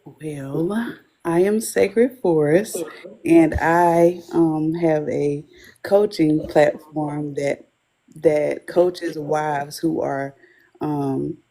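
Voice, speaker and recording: A woman's voice: low voice, steady tone, drawn-out words, warm tone. A woman who coaches wives of addicts, giving an earnest, faith-filled testimony as an interview guest.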